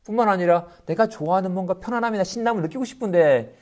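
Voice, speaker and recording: A middle-aged man, a Buddhist monk, giving a conversational dharma lecture on a sutra. He often checks in with his listeners and acts out the voices he quotes. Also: quick pace. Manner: animated, acts out quoted voices with pitch jumps; conversational, often adds tag questions.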